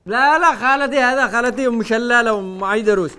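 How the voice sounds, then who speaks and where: A Yemeni-accented male comedy host with a high, clear voice. He talks fast and mocks his targets in a sarcastic tone. His volume swings from loud outbursts to hushed asides. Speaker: satirical show host. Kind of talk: satirical comedy monologue.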